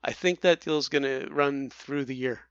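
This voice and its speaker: Chatty Midwestern man co-hosting a movie podcast; quick, a bit stumbly; dry home-studio sound. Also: mid-range voice, clear, resonant tone, no echo, lo-fi sound. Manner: chatty, stumbles over words. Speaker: podcast co-host. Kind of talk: casual movie review chat.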